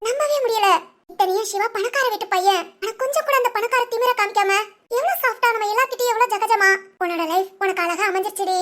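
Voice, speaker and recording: Teasing young female friend, high-pitched and chatty. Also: fast, fairly bright tone. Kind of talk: storybook voice acting.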